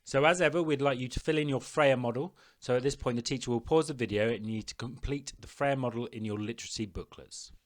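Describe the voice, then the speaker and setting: A man presenting a recorded classroom lesson, giving clear step-by-step instructions to pupils. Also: medium pitch, fast talker, few pauses. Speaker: teacher.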